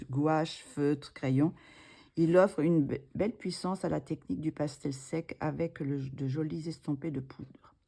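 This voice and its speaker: Casual vlogger woman, low mellow voice, hesitant delivery with lots of fillers. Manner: hesitant, many fillers and restarts. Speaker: art supplies vlogger. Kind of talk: casual haul video.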